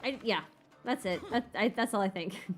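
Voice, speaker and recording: Here a woman at medium pitch and normal speed hosts a livestream with music in the background. She responds to viewers' questions casually and with strong opinions, musing aloud in informal, emphatic language.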